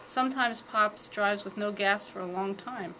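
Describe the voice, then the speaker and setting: Woman calmly reading her story aloud. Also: medium pitch, normal speed, slight background noise, poor audio. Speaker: author reading her fiction. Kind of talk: first-person story reading. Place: live reading event.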